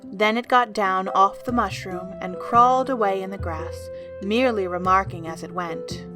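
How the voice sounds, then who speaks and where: A woman reading scripted storybook narration for an audio drama, as an expressive storyteller. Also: mid-range voice, normal speed. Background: music.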